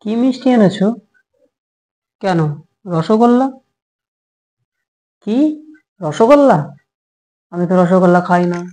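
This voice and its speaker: A man playing a short-tempered young husband in a comic home drama, snapping and quick to take offence. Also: high voice, warm tone. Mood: indignant.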